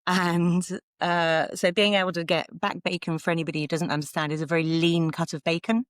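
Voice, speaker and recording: Her delivery is flat and fairly quick, her pitch fairly low, recorded cleanly in a studio with no room sound. She's a woman with a southern English accent from the London suburbs, a podcast guest talking casually and chattily and poking fun at herself in a relaxed conversational interview.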